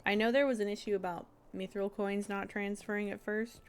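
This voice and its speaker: A woman's voice: mid-range voice, steady tone, fairly quick, smooth. A woman streamer chatting casually with her live viewers while she plays and eats. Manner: chatty, greets viewers, talks while eating.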